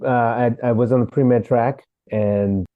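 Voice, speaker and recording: A man from Sri Lanka, an actor, telling his story as a podcast guest in a relaxed way, with fillers. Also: medium pitch, a little slow, no room sound, phone-quality sound. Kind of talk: interview.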